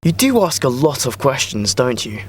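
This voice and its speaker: Man playing the Doctor, lively and theatrical. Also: mid-range voice, normal speed, slight background noise, close to an everyday voice. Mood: breezy, smug. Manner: theatrical, breezy, patronising. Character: gleeful, smug, eccentric male time-travelling adventurer. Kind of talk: audio drama parody acting.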